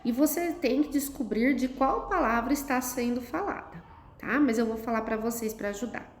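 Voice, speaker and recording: A woman's voice: fairly high pitch, moderate pace. A woman teacher, patiently explaining a lesson to children step by step and checking in with "tá?". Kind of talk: recorded classroom lesson for children. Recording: echoey room, faint noise.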